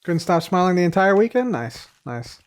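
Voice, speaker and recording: A very animated man with a high-pitched voice talks at a moderate pace on a casual live stream, reading viewer questions from chat and answering them. He rambles and repeats himself with plenty of fillers; his voice is a little tired from heavy use, and his phrases drop away quietly at the ends.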